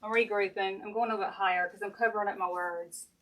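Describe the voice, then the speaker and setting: A woman's voice: mid-range voice, steady tone, fast talker, a bit bright, poor audio. A woman with a Southern American accent hosts a casual craft livestream from home. She talks in a folksy, chatty way, addressing viewers directly and musing aloud as she works with her hands. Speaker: craft maker hosting a live stream. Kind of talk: casual crafting livestream chat, thinking aloud while working. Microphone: sensitive live-stream camera mic.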